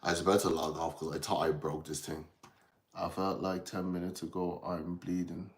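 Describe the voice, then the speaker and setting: An Irishman from Dublin chats with viewers on a relaxed livestream, wandering off topic and easily distracted. His voice sits low, with a level tone and normal speed.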